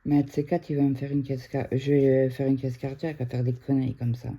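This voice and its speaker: A middle-aged woman from France chatting casually to viewers at home, excitable and quick to raise her voice. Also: rumbling low, lo-fi sound. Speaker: craft vlogger. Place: indoors at home.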